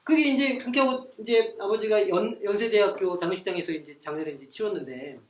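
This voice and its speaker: A man in his forties leading a church Bible study, telling stories in a lively way and acting out what people said. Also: sits high, quick pace, far from the mic. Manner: animated storytelling, acting out quoted speech. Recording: echoey room, voice from afar, faint noise.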